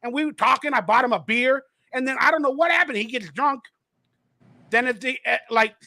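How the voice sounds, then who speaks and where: A man's voice: extremely high pitch, bright, forceful tone, no echo. A man hosting a casual fan livestream, talking animatedly and acting out quotes as he tells stories, swearing freely. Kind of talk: casual chat.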